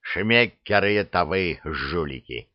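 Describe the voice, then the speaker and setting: Storybook dragon, old, huffy and grumbling, read by a man, slow and lecturing. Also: low voice, expressive, dry recording. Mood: scornful. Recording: dull dry recording.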